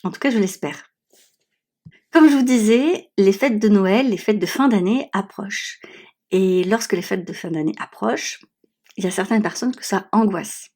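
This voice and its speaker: Her voice is medium-pitched and a little mellow, at a normal speed, though a stuffy nose and swollen, sore tonsils make it small, congested and slightly nasal. She's an adult mother hosting a conversational solo podcast, reflecting aloud into her newly purchased podcast microphone.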